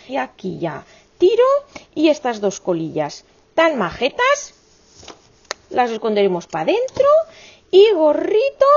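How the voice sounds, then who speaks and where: A woman's voice: high voice, vocal fry, lo-fi sound. A woman, teaching a crochet tutorial in a chatty, affectionate way full of exclamations and diminutives.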